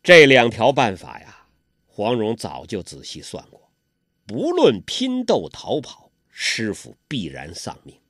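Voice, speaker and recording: A man's voice: medium pitch, wildly swooping pitch, slow pace, a bit bright, no room sound, studio quality. A man narrating a martial arts tale in traditional oral storytelling style, with dramatic emphasis.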